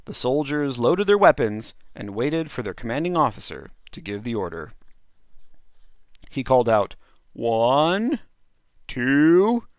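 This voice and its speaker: A man's voice: medium pitch, very animated, normal speed, no room sound. A man narrating a dubbed storybook play as host, with playful, chuckling asides.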